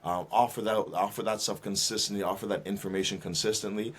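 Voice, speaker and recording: A man, a minister and detailing business owner, speaking as a guest in a casual interview, thoughtful and filling pauses with um and uh. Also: on the low side, fairly even intonation, a bit bright. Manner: thoughtful, many fillers and restarts.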